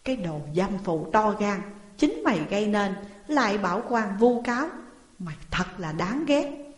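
A woman's voice: medium pitch, lively intonation, normal speed, lightly acted. A woman doing a furious, scornful old-time magistrate. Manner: shouting, scornful. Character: harsh, hot-tempered male county magistrate. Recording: roomy, long reverb.

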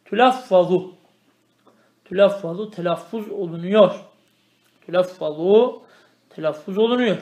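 A man teaching a traditional grammar lesson. He reads Arabic phrases slowly, explains them, and keeps asking the student questions. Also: high voice, darkish tone, roomy sound. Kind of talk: traditional religious lesson, explaining a text line by line.

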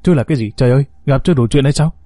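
Man voicing an alarmed young guy, excitable, mellow voice, dry sound, audio story. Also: medium pitch, rapid-fire, dry recording, close to an everyday voice.

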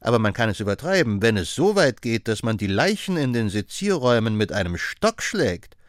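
A man's voice: on the low side, big pitch swings, fairly quick, no room sound, clean studio sound. A man reading an audiobook, voicing a chatty young male hospital assistant who gossips with amusement. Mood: gossipy. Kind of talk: audiobook character voice.

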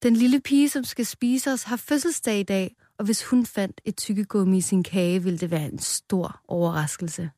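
A woman's voice: mid-range voice, dark tone, no room sound, studio quality, natural voice. A woman voicing the oldest strawberry on a cake, a kindly old figure who calls others "my friend". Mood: eager. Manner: slow, fatherly "my friend". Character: old wise male strawberry, kindly and curious.

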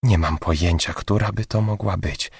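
A man's voice: low voice, moderate pace, vocal fry, husky, no echo, studio quality, heavily acted. A man voicing a chatty, anxious young female receptionist who gossips with a raised voice, for an audiobook. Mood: conspiratorial hush. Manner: raised gossipy voice, later hushed whispering.

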